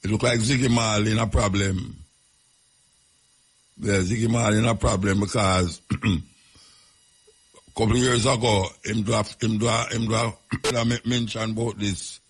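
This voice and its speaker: A Jamaican man gives casual commentary in a hesitant way, restarting and clearing his throat. His voice is husky and somewhat low. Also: steady tone, moderate pace, long pauses.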